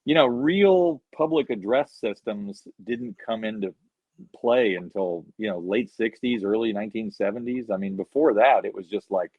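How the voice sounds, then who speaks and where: Rambling through anecdotes and saying "you know" a lot, this male guest musician keeps the video-call interview relaxed. He has a lowish voice and a moderate pace. There's no room sound in the slightly dull, dry lo-fi recording.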